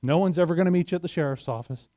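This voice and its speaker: Guy doing a community talk, kinda high voice, mellow and dark, dry close sound. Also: racing, no room sound. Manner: conversational, asks the audience "right?". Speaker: sheriff's office speaker. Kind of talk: community presentation.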